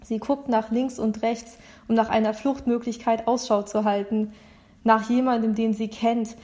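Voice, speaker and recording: A woman's voice: on the high side, moderate pace. Woman reading a novel aloud. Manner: steady reading with retakes. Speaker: narrator.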